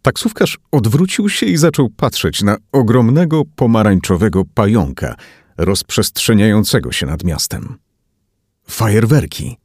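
A man reading a thriller audiobook aloud as narrator, in an expressive, dramatic manner. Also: fairly low pitch, moderate pace, husky, no echo, clean studio sound. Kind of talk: scripted narration.

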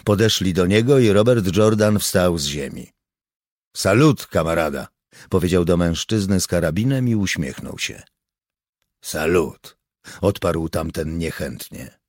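A man narrating an audiobook in an even, unhurried reading voice. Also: low voice, dry recording, studio quality. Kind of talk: scripted narration.

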